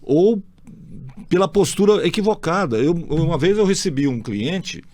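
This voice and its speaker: Blunt, animated Brazilian man chatting. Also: a little high, unhurried, no echo. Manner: blunt, swears freely, acts out anecdotes. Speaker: podcast host. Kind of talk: casual chat.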